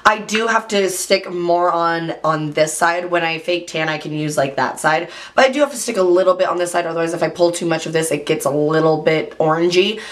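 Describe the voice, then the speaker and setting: A woman talking casually about her favorite beauty products, hoarse after losing her voice, chatty and full of "like", clearing her throat now and then. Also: fairly low pitch, fairly quick, hardly any pauses. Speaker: beauty vlogger. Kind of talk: casual chat.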